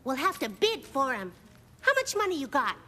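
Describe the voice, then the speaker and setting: A woman's voice: sits high, huge pitch swings, normal speed, pushed and bright, heavily acted. A woman voicing a spirited, sarcastic little girl in a cartoon, with a wry, emphatic delivery. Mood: urgent. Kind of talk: cartoon voice acting.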